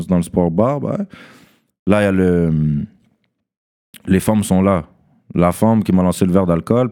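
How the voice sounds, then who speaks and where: A young man tells a story to friends in a casual, animated way, mixing in English slang and often asking "tu comprends?". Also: low voice.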